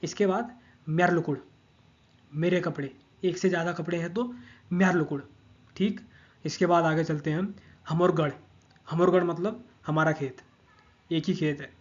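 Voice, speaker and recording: A man's voice: a little high, steady tone, normal speed, pauses often, dull audio. A man teaching language grammar, patiently repeating each word several times and checking that the listener follows. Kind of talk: explaining grammar over a screen of notes.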